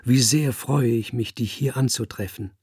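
A man voicing a polite little male flea with a husky, gravelly voice in an audiobook. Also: mid-range voice, moderate pace, a little mellow, no echo, clean studio sound. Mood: friendly.

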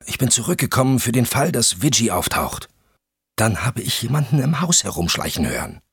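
A man giving voice to a frightened woman from an audiobook thriller, her voice pushed noticeably higher and strained. The delivery is husky and breathy, recorded dry and close with no room sound. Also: sing-song, fairly quick, no echo, full character voice. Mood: anxious. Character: frightened one-legged woman, adult, tense. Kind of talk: audiobook character voice.

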